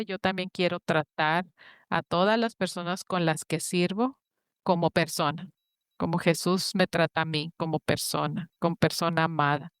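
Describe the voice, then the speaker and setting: A woman guest on a faith interview show, speaking earnestly about ministry and retelling Bible stories with lively quoted voices. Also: lowish voice, clean tone, no echo, studio quality. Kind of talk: conversational interview, faith-based.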